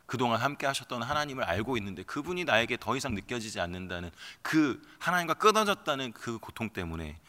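Man, pastor, sermon, bright forceful voice, impassioned, long hall reverb. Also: fairly low pitch. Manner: impassioned preaching, voicing the psalmist's anguished cries.

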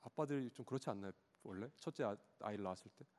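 A man in his thirties preaching a sermon, telling a personal story about his child in an animated way and acting out the child's cries. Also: lowish voice, racing. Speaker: pastor. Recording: long hall reverb.

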